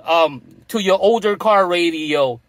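A middle-aged man speaks unhurriedly in a high voice, with no room sound, as he demonstrates a gadget from a parked car. His explanation is a repetitive, sales-driven product demo.

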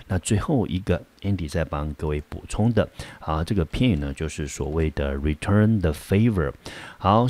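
A man teaches English vocabulary in a low, mellow voice. He spells words out and says the example sentences slowly and carefully, one word at a time, as a classroom teacher does. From Taiwan. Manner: slow careful word-by-word pronunciation. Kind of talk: vocabulary lesson.

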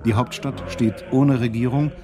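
A man's voice: medium pitch, fairly even intonation, moderate pace. A man reading scripted historical narration as a documentary narrator. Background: music.

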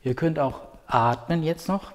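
A man teaching a home yoga class, giving calm, patient step-by-step cues with a clip-on mic. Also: on the high side, unhurried. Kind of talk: guided yoga instruction. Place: room at home. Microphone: clip-on microphone. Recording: long hall reverb.

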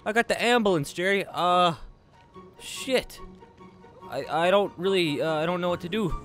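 A man talking casually in a game roleplay, loud, excitable and swearing a lot. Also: high-pitched, moderate pace, faint music behind. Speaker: roleplay streamer.

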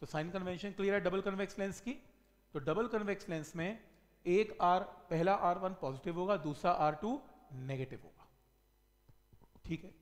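A man's voice: high voice, moderate pace. A middle-aged man teaching physics at a whiteboard, asking questions and answering them himself with a stressed key word. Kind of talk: whiteboard lecture. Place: classroom studio at a whiteboard. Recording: long reverb in the room.

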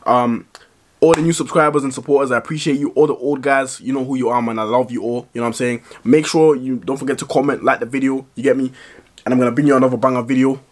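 A man's voice: mid-range voice, steady tone, quick pace. A young man talking straight to camera in an advice vlog, blunt and heavy on swearing, tagging his points with "right?". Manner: blunt, profane, emphatic, with frequent "right?" tags. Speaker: vlogger.

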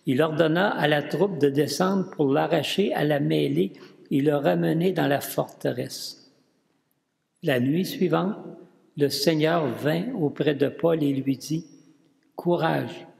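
Gravelly male lector reading slowly. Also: on the high side, darkish tone. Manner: careful, deliberate reading. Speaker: lector at mass. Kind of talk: reading scripture aloud. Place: church. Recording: church with long reverb.

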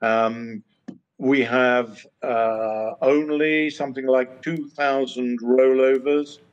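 Older uk guy on a video call, slow and careful, lots of ums, dull muffled sound. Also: mid-range voice, fairly even intonation, smooth. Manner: measured, many fillers and pauses. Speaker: trade association chairman, panelist. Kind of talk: video-call panel discussion. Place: home study, indoors.

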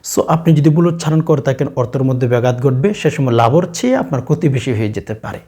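A man with a Bangladeshi Bengali accent teaching a religious practice to viewers, speaking directly to them and reciting verses slowly and drawn out. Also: mid-range voice, expressive, dark tone, husky.

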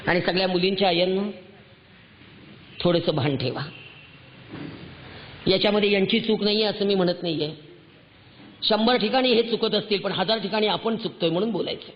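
A woman's voice: medium pitch, normal speed, pauses often, a little hiss or hum. A woman giving an impassioned, scolding lecture to a crowd of women, firing off rhetorical questions. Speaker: public speaker addressing women. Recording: muffled sound with long hall reverb.

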